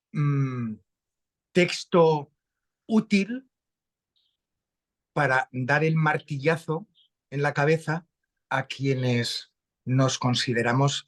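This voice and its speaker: A man with an accent from Spain, explaining a Bible passage slowly and thoughtfully in a conversation over a video call. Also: on the high side. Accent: Spanish from Spain. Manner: slow, reflective, animated rises when stressing a point. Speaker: guest speaker. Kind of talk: conversational religious teaching.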